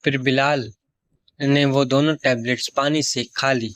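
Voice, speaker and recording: A man's voice: medium pitch, fairly even intonation, a bit bright, dry recording. Man reading a story steadily. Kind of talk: scripted story narration.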